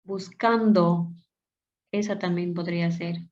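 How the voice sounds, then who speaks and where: A woman teaching a class, repeating words aloud slowly as she points them out. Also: mid-range voice, steady tone. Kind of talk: classroom lesson. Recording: dull lo-fi sound.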